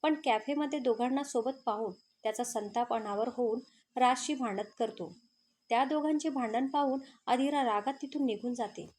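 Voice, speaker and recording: High-voiced woman storyteller. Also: normal speed, a little mellow. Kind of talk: story narration.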